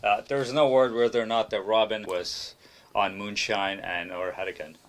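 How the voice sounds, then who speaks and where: A man's voice: lowish voice, steady tone, normal speed. A man co-hosting a comic animal news show, rambling through wry jokes. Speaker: co-host. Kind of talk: joking news banter.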